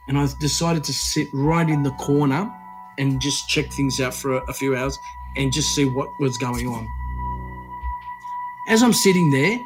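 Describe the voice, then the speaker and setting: A man talks as a guest on a radio interview, telling his story with lots of restarts and a lively, rambling flow. His voice sits somewhat high for a man. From Australia.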